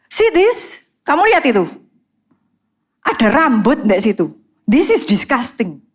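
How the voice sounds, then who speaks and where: A woman's voice: high-pitched, sing-song, moderate pace. A woman voicing a stern roommate in her late twenties, barking harsh reproaches in English and Indonesian. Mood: scolding.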